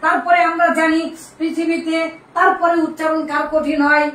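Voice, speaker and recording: A woman teaches Arabic grammar in a classroom at normal speed, her very high, fairly bright voice showing little pitch movement as she quizzes students and repeats key terms. The room echoes, the mic is distant, and there's faint noise.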